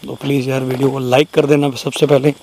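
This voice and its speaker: A man's voice: medium pitch, little pitch movement, fast, a little mellow, a little hiss or hum. A young man hosting a night-time paranormal vlog outdoors, talking casually to his viewers through a handheld camera mic and grumbling about mosquitoes. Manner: addresses viewers as friends, complains about mosquitoes. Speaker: paranormal vlogger. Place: outdoors at night in a rural wooded area. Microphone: camera-mounted mic, camera held in hand.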